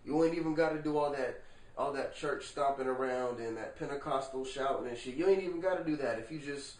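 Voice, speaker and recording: A man talking to the camera in a casual vlog monologue, animated and rhetorical, swearing freely and checking in with the viewer. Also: mid-range voice, a little fast. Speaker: vlogger. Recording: echoey room, far from the mic.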